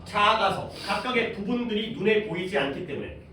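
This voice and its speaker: Explaining a reading passage, the male high school English teacher keeps stopping to ask questions and answer them himself. His high voice moves a lot in pitch, with lively intonation, a fairly quick pace and a pushed, bright quality. The distant mic captures a very echoey sound with faint noise behind.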